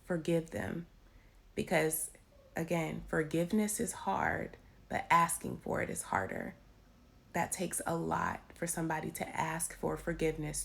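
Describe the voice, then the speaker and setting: A woman with a raspy voice giving an informal, emphatic devotional talk into her phone, repeating key phrases. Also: fairly low pitch. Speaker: faith vlogger giving encouragement. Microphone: handheld phone.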